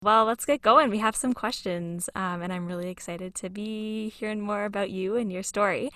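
A woman's voice: mid-range voice, steady tone, normal speed, pushed and bright. A young woman co-hosting a podcast, asking questions in a casual, hesitant way full of ums. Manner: hesitant, lots of ums, upbeat. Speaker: podcast co-host.

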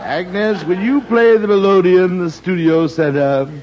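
An actor playing a pompous, patronizing older thespian with declamatory delivery in 1950s radio comedy. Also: male voice, high-pitched, unhurried, a little mellow. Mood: insistent. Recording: muffled, very noisy old radio recording.

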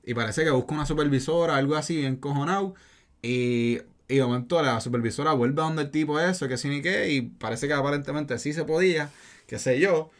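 A man's voice: on the high side, brisk. Slangy young man rambling. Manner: slangy, rambling, lots of fillers. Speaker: podcast co-host. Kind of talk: casual storytelling chat.

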